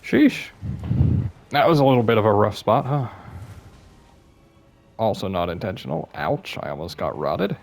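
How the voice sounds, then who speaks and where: A man's voice: on the low side, animated, moderate pace, creaky, pauses often, darkish tone, faint music behind. A young man giving casual, self-deprecating commentary over his gameplay, sounding a bit worn out and apologizing often. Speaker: gaming YouTuber.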